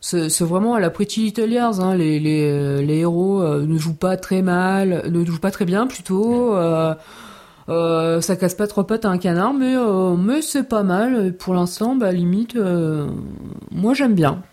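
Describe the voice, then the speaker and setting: A woman's voice: lowish voice, animated, measured pace, mellow. A young woman co-hosting a casual podcast, frank and hesitant, with many fillers. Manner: hesitant, frank, laughs often. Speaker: podcast co-host. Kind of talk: casual chat.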